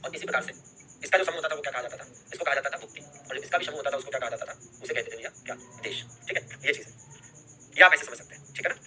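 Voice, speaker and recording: A man's voice: medium pitch, rapid-fire, pushed and bright, a little hiss or hum. A young man teaching a history class, repeating key terms and checking in with students after every point. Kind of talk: live online class lecture.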